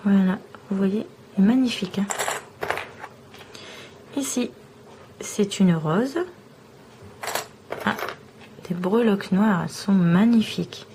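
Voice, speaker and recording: A woman vlogger showing off small trinkets one by one in a slow, admiring show-and-tell. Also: mid-range voice, noisy background.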